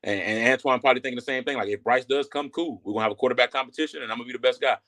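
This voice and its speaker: A man talking college football in a loose, casual way. He talks quickly and piles on fillers and restarts. His voice sits at an ordinary middle pitch. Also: bright, forceful tone. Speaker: guest analyst. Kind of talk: casual sports talk.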